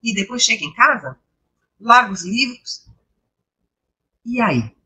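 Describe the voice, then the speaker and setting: Brazilian lady teaching english on a live stream, bright, a bit husky, kinda hoarse. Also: fairly high pitch, big pitch swings, slow pace, rough recording. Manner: explains patiently, asks the class rhetorical questions. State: slightly hoarse, coughing. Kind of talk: online English lesson with Bible reflection.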